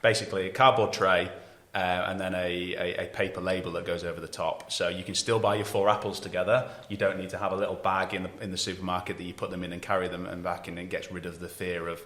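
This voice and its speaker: This voice belongs to a man with a low, deep voice who talks through packaging questions in an earnest, explanatory way. The chat feels relaxed and conversational, and a noticeable room echo hangs around every word. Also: fast, hardly any pauses. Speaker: packaging expert. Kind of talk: casual podcast chat.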